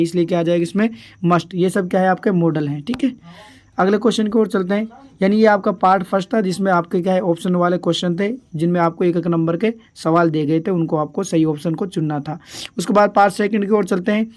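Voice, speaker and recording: Male teacher doing exam revision, asks "what is it" then answers himself, keeps saying dear children, drags english words out slow. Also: high voice, fairly even intonation, a little mellow. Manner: keeps asking and answering his own questions; addresses pupils as dear children.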